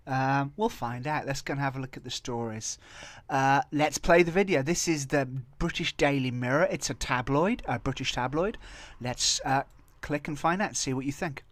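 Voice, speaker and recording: Off-the-cuff and rambling, a Welsh-accented video host comments casually on viral clips and tabloid stories. He speaks at medium pitch, with no echo in the recording.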